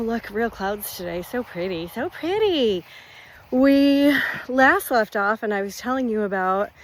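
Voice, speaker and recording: A woman in her fifties, a retired teacher, chatting casually and rambling through a catch-up vlog while walking outdoors on her rural property. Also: medium pitch.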